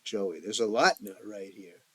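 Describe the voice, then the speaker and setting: A man doing a gruff hot-headed father. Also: on the low side, lively intonation, unhurried, voice pushed down. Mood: combative. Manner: blustering, combative. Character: gruff blue-collar father, quick-tempered.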